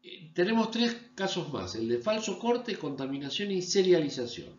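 A man from Argentina, giving a recorded online university lecture and often checking understanding with a quick "¿sí?". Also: very animated. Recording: echoey room, dull low-fi sound with mains hum.

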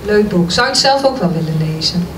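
A woman presenting a reading contest, with a brisk, friendly public-speaking manner. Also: lowish voice. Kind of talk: formal welcome and short questions. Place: event hall with audience. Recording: roomy hall, distant mic, steady noise.

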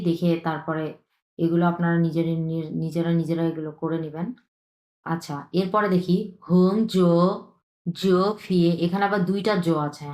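A woman with a fairly low voice gives a patient online lesson, going over each step again and again and often pausing to check that the learner follows. She is ill with a cough, and the room around her has a noticeable echo. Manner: patient, repetitive, checks in with frequent tag questions. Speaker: Chinese language teacher. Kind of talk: online lesson, explaining stroke by stroke.

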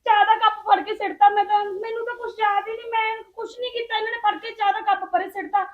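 Polite young woman, very high voice. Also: little pitch movement, fast talker, phone-quality sound. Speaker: new daughter-in-law in a family drama. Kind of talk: Punjabi short film acting.

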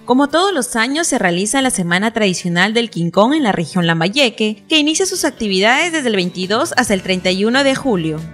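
A woman with a Peruvian Spanish accent narrates a news segment from a script. Her fairly high voice is animated and varied. Faint music plays beneath. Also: a little fast, hardly any pauses.

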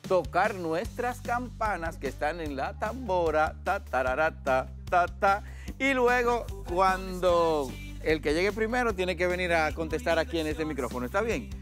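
A man with a high, bright-sounding Dominican voice hosts a live children's quiz in a TV studio. He is playful, laughs a lot and sings little drum-roll countdowns between questions. Music plays clearly behind him. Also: animated, normal speed. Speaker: children's show host. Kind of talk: live kids' quiz show hosting.

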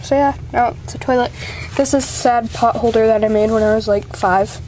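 Her voice sits a little high with a darkish tone, moving a bit fast and fairly evenly as a young woman rambles through a casual show-and-tell of her small carpeted room at home. She giggles, pokes fun at herself and apologizes, all caught on a handheld camera's built-in mic with noisy amateur sound.

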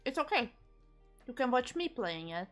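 A woman's voice: fairly high pitch, big pitch swings, moderate pace, fairly bright tone. Chatty young woman streamer, faint music. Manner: chatty, reading and answering chat, giggly. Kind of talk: casual chat while eating on stream. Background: faint background music.

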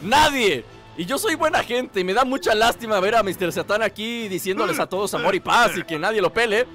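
Lively joking gamer. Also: male voice, high voice, fairly quick, faint music behind. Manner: playful, teasing, swears casually. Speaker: gaming channel host. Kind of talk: joking gameplay commentary.

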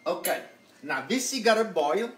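A man's voice: high-pitched, measured pace, a little hiss or hum. Chatty older Italian-accented man cooking. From Italy. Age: 80s. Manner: chatty, broken English, animated gestures. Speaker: home cook host. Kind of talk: live cooking demonstration. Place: home kitchen, indoors. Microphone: handheld phone camera. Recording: echoey kitchen with faint music.

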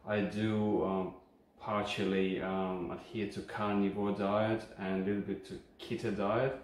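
The channel host speaks low, flat, and a little slow in a Ukrainian accent while casually reviewing a kitchen appliance without a script. He hesitates a lot but keeps his explanations friendly. A distant phone camera records him in an echoey home kitchen with a faint hum.

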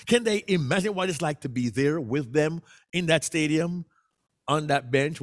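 Man, workshop presenter, very expressive pitch, teaching delivery. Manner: animated, acts out voices. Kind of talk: public speaking workshop talk.

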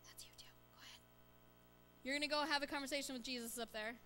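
A bright, forward woman with a slightly high voice gives a children's sermon in a church. She keeps the children involved with quick questions and playful prompts. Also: faint music behind. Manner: lively, coaxing children with questions. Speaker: church children's message leader. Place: church sanctuary.

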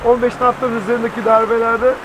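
Man in his fifties, high voice, measured explanatory manner, wind and wave noise on deck. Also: little pitch movement. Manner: measured, explanatory, with frequent filler pauses. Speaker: sailor explaining the voyage. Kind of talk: casual explanation to camera. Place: on a sailboat deck at sea, outdoors.

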